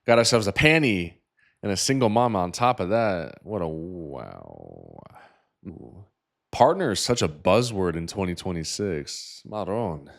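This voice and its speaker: Deep-voiced sarcastic man ranting. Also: normal speed. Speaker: host reviewing dating profiles. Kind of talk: reaction commentary.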